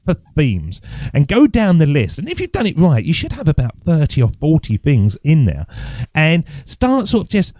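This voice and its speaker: A man's voice: fairly high pitch, wildly swooping pitch, moderate pace, darkish tone, no room sound. A man hosting his own podcast, chatting loosely and thinking aloud as he looks things up. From England. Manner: chatty, rambling, thinks aloud while searching online. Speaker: podcast host. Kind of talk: casual solo podcast teaching. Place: at home desk. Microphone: close studio mic.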